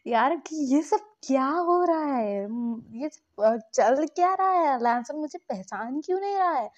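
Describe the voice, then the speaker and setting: A bewildered young husband, baffled and insistent, speaks in a raised, high voice, as a woman puts him on. The recording is a bit dull. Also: animated, unhurried. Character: bewildered young husband, unrecognized by his spouse.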